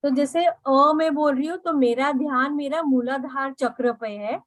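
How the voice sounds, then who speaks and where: Woman, meditation teacher, high voice, slow and gentle delivery, dry close sound. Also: no echo, rough recording. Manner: unhurried, repeats "okay" often, mixes in English words. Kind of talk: guided meditation instruction.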